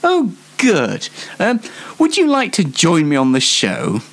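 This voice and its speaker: A man with a slightly high, fairly bright voice speaks slowly, his pitch swinging hugely. Hosting a one-man show, he rambles hesitantly through a casual comedic monologue, poking fun at himself for the audience.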